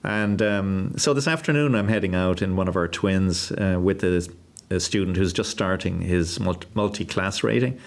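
Flight training head, low voice, earnest, lots of ums. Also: male voice, gravelly. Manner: earnest, measured, with many fillers. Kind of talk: interview answers.

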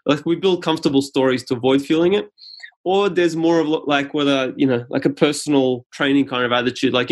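Speaking earnestly and with care, a man from Serbia, a Serbian speaker, reflects on questions as a podcast guest. His voice is medium-pitched, and the recording quality is low.

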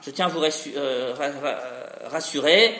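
With a bright, forceful tone and a fairly high pitch, a man lectures academically at a measured pace. He speaks discursively, often restarting and using "hein" as a tag, in a room with roomy echo.

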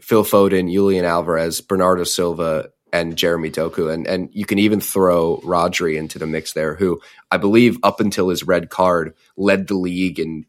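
A young man co-hosting a casual football podcast, talking through tactics analytically and playing devil's advocate. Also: sits low. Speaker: podcast co-host.

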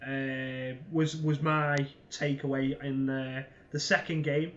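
A man co-hosting a casual football podcast, quick to agree and laughing often. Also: mid-range voice, level tone. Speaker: podcast co-host. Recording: dull lo-fi sound.

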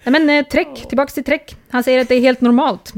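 A woman's voice: sits high, fairly even intonation, gravelly. A woman hosting a casual podcast, reading out listener messages with sarcasm and frequent swearing. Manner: sarcastic, swears freely, laughs often. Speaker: podcast host.

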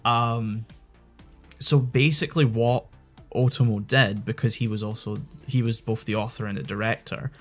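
A man's voice: mid-range voice, fairly even intonation, normal speed, faint music behind. A man with a Scottish accent co-hosting a podcast, explaining in a rambling, self-correcting casual chat. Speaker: podcast co-host.

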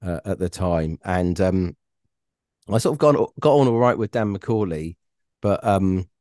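Hesitant low-voiced man. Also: animated, unhurried, a little mellow, dry recording, studio quality. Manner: hesitant, many ums and restarts. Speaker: podcast guest, former radio reporter. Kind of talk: casual interview chat.

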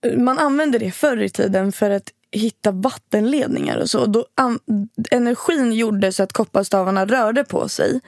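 A woman co-hosts a podcast and tells stories in an animated, chatty way. She acts out the quotes in her own voice. The sound is dry and close to the mic, with no room echo. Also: a little high, gravelly, few pauses. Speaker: podcast co-host. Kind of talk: casual chat.

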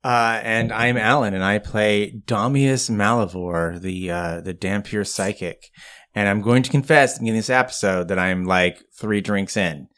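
A man's voice: on the low side, steady tone, a little slow, a bit bright. A man chatting casually as a player on a tabletop game podcast, with a self-deprecating way of talking. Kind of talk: casual chat.

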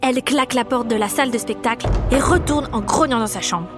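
A woman narrating a children's story aloud in a lively, expressive way for young listeners. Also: a little high, brisk, over music.

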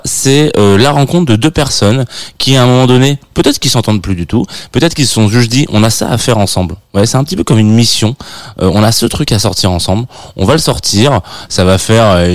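A man's voice: lowish voice, no room sound. A man hosting a radio show, chatting casually between records and often restarting as he searches for words. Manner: hesitant, many restarts while searching for words. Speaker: radio host presenting records. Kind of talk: casual on-air chat. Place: radio studio.

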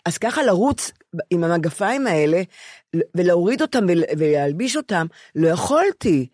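A woman's voice: lowish voice, big pitch swings, a little mellow, breathy edge, no echo, clean studio sound. A woman in her seventies talking candidly as a podcast co-host, often stopping to restart and repeat words. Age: 70s. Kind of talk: candid conversation.

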